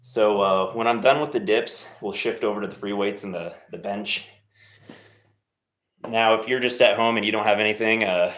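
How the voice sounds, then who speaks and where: A low-voiced man chats loosely on a live stream while he exercises at home. He wanders between jokes and offhand encouragement for his viewers. The room has a noticeable echo. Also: fairly bright tone. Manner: laid-back, rambling, jokey encouragement. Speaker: livestream host leading a workout. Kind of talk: casual live-stream chat. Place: home workout space. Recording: roomy echo.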